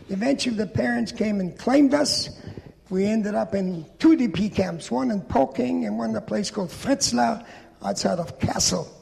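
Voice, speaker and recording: In a reverberant church hall, an audience listens as a Polish Holocaust survivor in his 80s recounts his life into a handheld mic. His voice is high-pitched with vocal fry, and his storytelling is plain and steady, accompanied by gestures.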